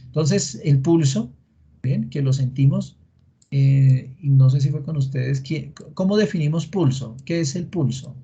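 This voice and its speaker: Man lecturing, dark husky voice. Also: a little high, a little slow. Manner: explanatory, asks students questions, frequent fillers. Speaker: veterinary lecturer. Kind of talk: online class lecture. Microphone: computer mic in a video call. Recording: dull lo-fi meeting recording.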